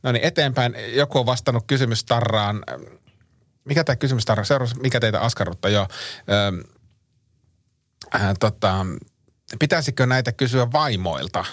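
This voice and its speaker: A man's voice: mid-range voice, no echo, studio quality. A man co-hosting a casual podcast, swearing freely and laughing often as he reads out listener questions. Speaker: podcast co-host.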